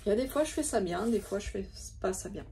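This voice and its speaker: This clip has slight background noise. A woman vlogger with a medium-pitched, creaky, mellow voice talks fast and expressively. She hesitates and fills her casual show-and-tell of craft supplies with fillers.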